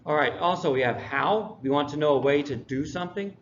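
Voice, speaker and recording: A man teaching English and reviewing a textbook unit in a relaxed way, with dry classroom humor. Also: a little high, fairly quick. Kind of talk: recorded lesson review. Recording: dull lo-fi recording, faint noise.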